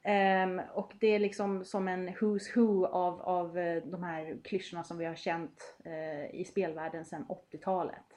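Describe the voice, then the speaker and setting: A woman's voice: lowish voice, level tone, few pauses, a little mellow. A woman co-hosting a gaming podcast, explaining at length in casual chat with many fillers. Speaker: podcast co-host. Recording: slightly dull lo-fi sound.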